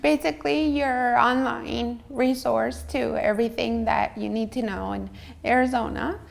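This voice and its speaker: A woman's voice: a little high, steady tone, a little slow, gravelly. A woman from Colombia with a Colombian Spanish accent, a business guest on an interview show, explaining her work with some filler ums. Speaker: interview guest, media entrepreneur. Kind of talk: casual interview chat.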